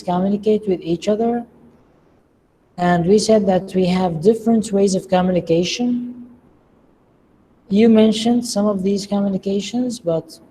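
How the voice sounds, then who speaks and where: A lecturer who speaks slowly and deliberately, quizzing students on word meanings in a lecture room. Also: mid-range voice, dark tone. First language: Arabic. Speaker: English lecturer. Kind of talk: classroom lecture with questions to students. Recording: long reverb, faint room noise.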